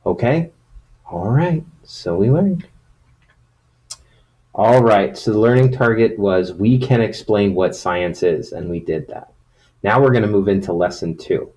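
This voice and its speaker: Man, lowish pitch, primary teacher, kids show host manner, simple child-directed phrasing, frequent questions, recorded lesson. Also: darkish tone. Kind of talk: recorded science lesson for young children, reading stories aloud.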